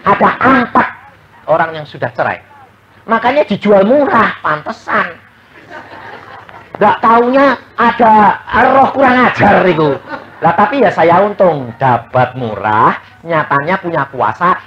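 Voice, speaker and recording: A male pastor preaching a sermon in a folksy way, swinging from loud exclamations to hushed asides. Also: on the high side, animated, a little slow. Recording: muffled old sermon recording, faint hiss.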